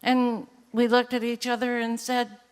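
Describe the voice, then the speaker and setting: A woman's voice: a little high, little pitch movement, unhurried, long reverb tail, slight background noise. An older woman telling a true story live on stage, wry and laughing, often correcting herself mid-sentence. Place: theater stage before an audience.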